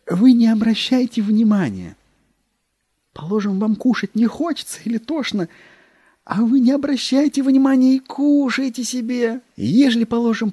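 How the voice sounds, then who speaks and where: A man's voice: very high voice, warm tone, dry recording, pitched above the performer's own voice, heavily acted. A man voicing a fawning court secretary who gushes about food, with a wheedling, savoring manner and dropping into whispers. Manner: wheedling, savoring every dish, slips into whispers.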